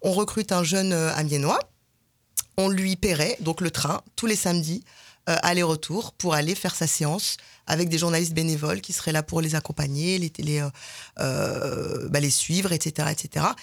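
A woman's voice: deep voice, steady tone, normal speed. A woman from France, an interview guest explaining her association, talking with many hesitations and fillers. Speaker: association representative.

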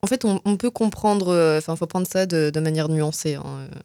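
A woman with a lowish voice hosts a relaxed conversation. She prompts her guest with short replies and adds a few thoughts of her own, recorded dry and close. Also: moderate pace, smooth, no echo. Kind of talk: casual radio chat.

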